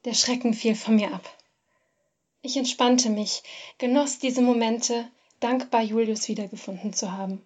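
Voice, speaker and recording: A woman with a voice on the high side narrates a first-person literary story, reading in a measured yet expressive way.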